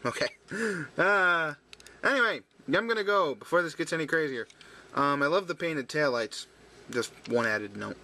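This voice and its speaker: A man's voice: fairly high pitch, lively intonation, normal speed, pushed and bright. A man casually reviewing a toy while handling it, rambling and chatty with many fillers and restarts, his voice a bit dry. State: voice drying out.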